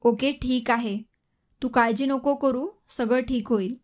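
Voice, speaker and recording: A woman's voice: sits high, steady tone, measured pace. A woman voicing a young male friend who reassures a worried woman. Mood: reassuring.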